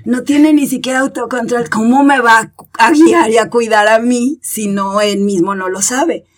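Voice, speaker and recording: A woman's voice: fairly high pitch, fairly even intonation, measured pace. A woman, a parenting expert explaining her ideas in a podcast conversation and acting out examples in quoted voices.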